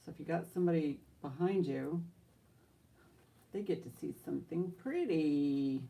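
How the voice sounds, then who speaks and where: Gravelly, low-voiced woman auctioneer. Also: lively intonation, moderate pace, dark tone. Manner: chatty, enthusiastic, talks to herself while handling items. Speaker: live auction host.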